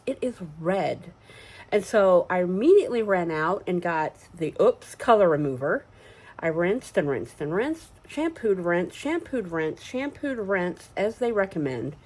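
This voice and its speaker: A woman in her sixties talks casually to her viewers in a home vlog. Her voice sits at an ordinary middle pitch, and she rambles along in a chatty way, breaking into easy laughs. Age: 60s. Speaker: sewing and crafts vlogger. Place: at home and out running errands.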